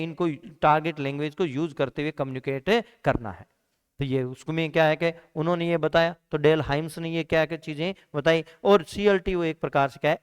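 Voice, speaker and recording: With a clean tone and fairly high pitch, a man lectures students preparing for exams. Warm and teacherly, he calls them "beta," asks questions only to answer them himself, and keeps repeating the main points.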